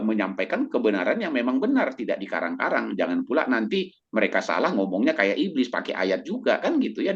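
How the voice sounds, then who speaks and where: A male pastor preaching with animated, exhorting energy and a lively voice that leaps up and down in pitch. He acts out little exchanges and often ends his points with a tag question to his listeners. The recording sounds muffled and lo-fi. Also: breathy edge. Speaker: pastor and doctor, guest speaker. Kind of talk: preaching talk to a congregation.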